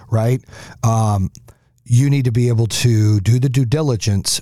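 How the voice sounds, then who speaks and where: A man's voice: lowish voice, mellow, no echo. A middle-aged man hosting his own podcast, talking on his own in a blunt, profane, rambling way with lots of fillers, close to the mic. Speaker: podcast host. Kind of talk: casual solo podcast talk. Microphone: close studio mic.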